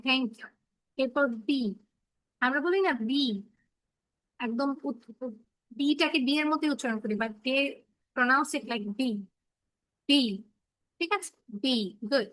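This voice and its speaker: A woman teaching English phonics to children in an online class, slowly sounding out letters and words for them to repeat. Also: sits high, sharp tone, no room sound, poor audio. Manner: slow, repeats letter sounds for kids to copy. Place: home, on a laptop video call. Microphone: laptop mic.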